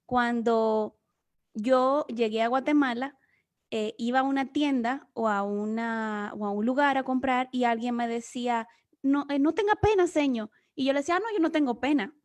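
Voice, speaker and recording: This guest speaker is a Dominican woman teaching the Bible earnestly and explanatorily, her Dominican Spanish accent coming through a remote video session. She has a fairly high pitch and speaks at normal speed.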